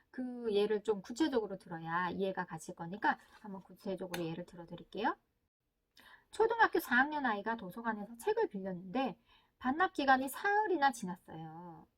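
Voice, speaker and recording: A middle-aged woman hosting a casual talk on a book about parenting, acting out little scenes between mothers and children as she goes. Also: fairly high pitch. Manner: lively, acts out mother and child lines in quick asides. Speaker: book channel host.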